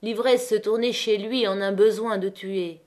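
A woman narrating a classic novel as an audiobook, with measured, dramatic reading. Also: mid-range voice, steady tone, a little mellow. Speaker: audiobook reader.

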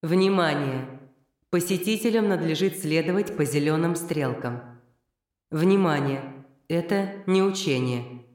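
A woman reading a stern evacuation announcement as if it comes over building loudspeakers. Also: low voice, a little slow, echoey room, recorded from a distance, voice pushed up. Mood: urgent. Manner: loud, formal alarm announcement. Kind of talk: audiobook reading.

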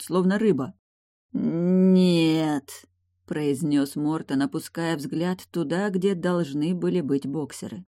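A woman reading a novel aloud in a steady, matter-of-fact audiobook narration. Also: lowish voice, no room sound, clean studio sound. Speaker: audiobook reader.

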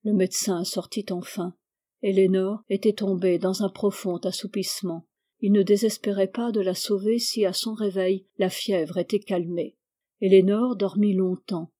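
A woman reads a classic novel aloud with a mellow, warm voice. Her pacing is measured and even, as in literary audiobook narration. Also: mid-range voice. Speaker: audiobook reader.

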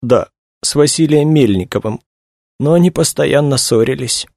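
A man reading a novel aloud, voicing a distraught young woman who is crying and speaks in a halting, high voice. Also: gravelly, darkish tone, no room sound, studio quality. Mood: tearful. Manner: halting, tearful, high-pitched.

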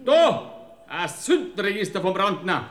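An actor playing a stern, grumpy, commanding archangel in a dialect comedy, with a Bavarian accent. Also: male voice, sits high, sing-song, measured pace, a bit bright, roomy sound, soft background music, exaggerated voice. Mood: bossy, irritated. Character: stern, bossy male archangel Michael. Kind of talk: theatrical dialect comedy acting.

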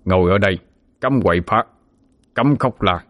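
Man doing gruff old ghost-hunter. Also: low voice, moderate pace, a bit bright, no echo. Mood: stern. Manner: scolding, coarse threats.

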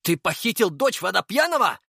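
A man's voice: medium pitch, expressive, normal speed, fairly bright tone, dry recording, clean studio sound, close to an everyday voice. A man reading an audiobook and voicing a gloomy, irritable young male comrade who sighs and grumbles. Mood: sour. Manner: sighing, sour, irritable.

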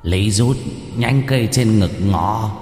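A man's voice: on the low side, measured pace, darkish tone, reverberant, long reverb tail, soft background music, lightly acted. A man voicing a blind old exorcist pinned to a tree, begging weakly in a thin whisper. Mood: feeble. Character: blind old male exorcist, dying, pleading.

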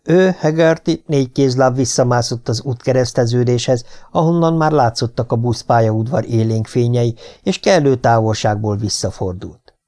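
A man's voice: medium pitch, mellow. A man narrating a horror audiobook with dramatic storytelling. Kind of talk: scripted narration.

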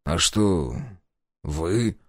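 Gruff defiant hero, voiced by a man, blunt and swearing, lively pitch, dry sound. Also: drawn-out words, no echo, heavily acted. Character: blunt stubborn reluctant man, first-person hero.

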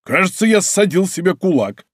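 A man's voice: high voice, very animated, moderate pace, dry recording, studio quality, voice pushed up. A man voicing a strong, simple and good-natured male musketeer who talks plainly.

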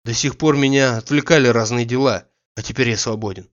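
A man's voice: on the high side, animated, moderate pace, lo-fi sound, lightly acted. A man voicing an urgent, pressing old friend. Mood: insistent. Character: energetic insistent grown man, old friend.

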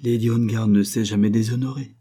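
Casting: male reader as a spirited young man, a touch higher, husky, indignant. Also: steady tone, brisk, mellow. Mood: earnest. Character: young man, bold and defiant.

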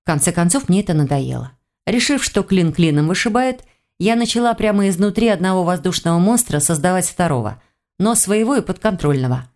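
A woman reading a first-person fantasy audiobook in a lively, expressive storytelling manner. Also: medium pitch. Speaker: audiobook reader. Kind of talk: scripted first-person narration.

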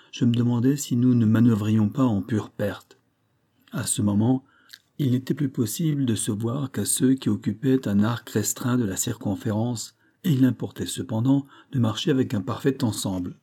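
A man narrates a classic adventure novel in a calm, measured reading. His voice sits low and sounds dark and mellow, with a husky edge. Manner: measured, even literary reading. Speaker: audiobook narrator. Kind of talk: audiobook narration.

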